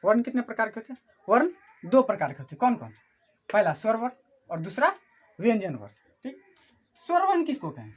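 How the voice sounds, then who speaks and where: A woman's voice: a little high, big pitch swings, fairly quick, pauses often, husky. A woman teaching an online class who asks questions and answers them herself, repeating each key term.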